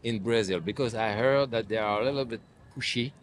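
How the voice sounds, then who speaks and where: A man with a French accent running a street interview, asking quick questions and laughing often. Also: fairly low pitch, a little hiss or hum. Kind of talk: street vox-pop interview.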